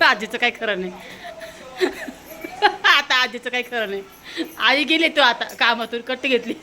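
A young woman from Maharashtra, a mother talking in a casual family vlog, animated, often repeating words in quick calls. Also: fairly high pitch. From Maharashtra, India. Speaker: vlogger and mother.

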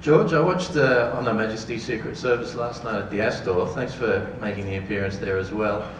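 A man's voice: fairly low pitch, a little fast. Man asking a question from the audience. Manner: polite, hesitant questioner. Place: theatre audience. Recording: distant, roomy, noisy audience recording.

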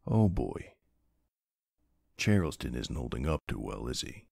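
A man's voice: very deep voice, sing-song, measured pace, vocal fry, a little mellow, breathy edge, no echo, clean studio sound, heavily acted. A man playing a young streamer boyfriend in a role-play, chatting casually in a playful, teasing, easily flustered and affectionate way. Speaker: roleplay voice actor.

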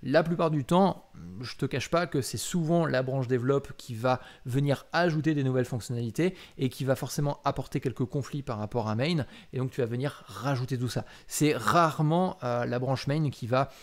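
A man's voice: medium pitch, moderate pace, hardly any pauses. A man walks the viewer through a coding task on screen in a loose, conversational way. He hesitates often and keeps checking that the viewer is following. His tone stays informal throughout. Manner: casual, informal, many "euh" fillers and "d'accord?" check-ins. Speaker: coding instructor. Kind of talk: screen-recorded coding tutorial.

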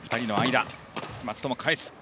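A man's voice: mid-range voice, measured pace. A man calling a badminton match live and putting questions to his analyst. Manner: lively play-by-play calling, asks the analyst questions. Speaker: play-by-play commentator. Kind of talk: sports commentary. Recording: broadcast over loud arena crowd and noise.

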